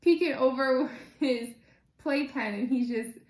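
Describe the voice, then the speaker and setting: A young woman hosts a homey cooking vlog in her home kitchen, chatting casually, giggling easily and saying "like" often. Her high, bright voice echoes off the kitchen's hard surfaces.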